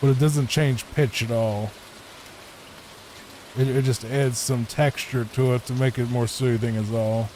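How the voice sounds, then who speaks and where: A man with a Virginia accent giving soft, rambling gameplay commentary meant to help listeners sleep, recorded on a microphone in a home room. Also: mid-range voice, steady tone, a little slow, a little hiss or hum, low-quality recording. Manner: laid-back, rambling. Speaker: gameplay channel host. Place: home room, not a booth. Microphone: studio microphone with added EQ.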